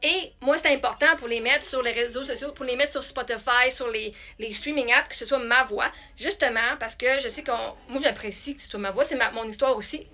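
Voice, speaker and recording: A woman with a Québécois accent, a singer talking casually to her followers in a chatty, animated way with many restarts. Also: on the high side, fairly quick, few pauses. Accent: Québécois French. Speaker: singer and content creator. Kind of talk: casual talk to camera.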